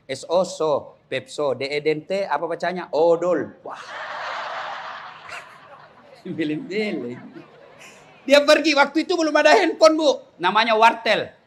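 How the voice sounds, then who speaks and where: A man preaching a comic sermon to young people, telling lively stories, mimicking voices and shouting. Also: high-pitched.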